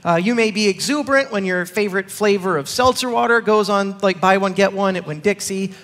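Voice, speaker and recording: A man's voice: high-pitched, brisk, fairly bright tone. A man in his thirties, a pastor, preaching a casual sermon in a church and talking in a joking, conversational way with restarts and small laughs. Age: 30s. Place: church sanctuary. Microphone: clip-on microphone.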